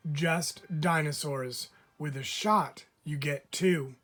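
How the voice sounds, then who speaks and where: A man's voice: on the high side, takes it slowly, a bit bright. A man reading a picture book aloud, voicing a friendly, matter-of-fact nurse. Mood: cheerful. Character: cheerful nurse, adult.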